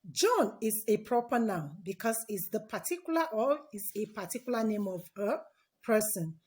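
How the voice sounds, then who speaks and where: A woman's voice: mid-range voice, darkish tone. A woman teaching an online lesson for children, repeating key words and quizzing her young pupils as she goes. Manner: repeats key words and asks the class questions.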